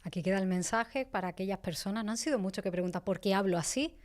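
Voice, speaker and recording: A woman from Andalusia with an Andalusian Spanish accent, hosting a podcast interview in a relaxed, conversational way. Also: medium pitch, quick pace. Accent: Andalusian Spanish, seseo. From Andalusia, Spain. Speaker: podcast host.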